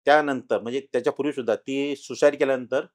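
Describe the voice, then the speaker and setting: A middle-aged man tells his own ghost experience as a podcast guest, talking casually with many pauses and restarts and growing louder at the tense moments. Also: mid-range voice, fairly even intonation. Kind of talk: casual storytelling in an interview.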